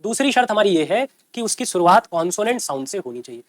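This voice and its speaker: A man with a fairly high voice lectures on grammar to a class. He explains patiently, repeats key points and keeps checking that his students follow. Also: sing-song, fast talker. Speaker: teacher.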